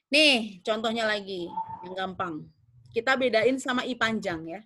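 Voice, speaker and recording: A young woman leads a pronunciation lesson, her voice sitting a little high. She repeats each word slowly and keeps asking whether her students follow. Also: lively intonation, a bit bright. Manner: drills words, repeats them slowly, checks understanding. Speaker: English teacher.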